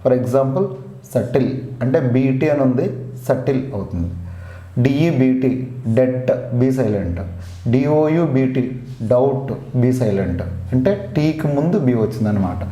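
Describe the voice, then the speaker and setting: Telugu accent guy teaching grammar, mellow kinda high voice, spells everything out, echoey room. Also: lively intonation. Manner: patient, repeats each rule slowly, spells words letter by letter. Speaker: English teacher. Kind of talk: grammar lesson. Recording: roomy echo.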